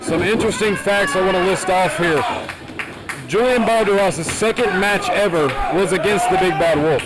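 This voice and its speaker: High-voiced male wrestling commentator, emphatic. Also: normal speed, heavy background noise. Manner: excited, emphatic calls. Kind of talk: play-by-play sports commentary. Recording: loud music and crowd behind.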